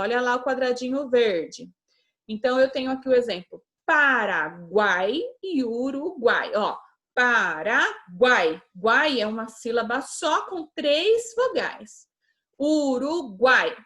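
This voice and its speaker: A young woman teacher with a Brazilian Portuguese accent gives a patient class to children, drawing out her example words slowly and often checking in with them. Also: a little high, fairly bright tone. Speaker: schoolteacher. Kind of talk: remote class lesson for children.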